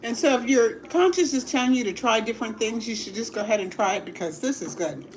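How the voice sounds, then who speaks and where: A middle-aged woman hosting a casual livestream at home, chatting slowly while eating and savoring each bite with hums. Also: a little high. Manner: slow and relaxed, savoring food with hums. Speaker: livestream host.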